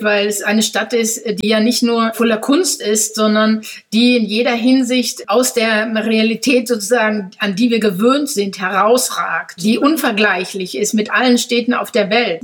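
A woman in her fifties from the Ruhr area, answering interview questions in a reflective, meandering way with many filler phrases. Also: on the high side. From Ruhr area, Germany. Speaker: interview guest.

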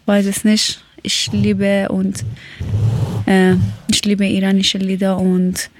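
A woman's voice: mid-range voice, monotone, slow. A woman from Iran hosting a casual talk, speaking hesitantly in a learned language and often searching for words.

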